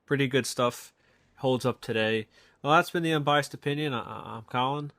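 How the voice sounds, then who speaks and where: A man's voice: medium pitch, moderate pace, a bit bright. A young man hosts a loose podcast chat. He speaks bluntly, pokes fun at things and keeps the talk moving toward its wrap-up. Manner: wraps up segments, teasing and blunt. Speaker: podcast host. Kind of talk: casual chat.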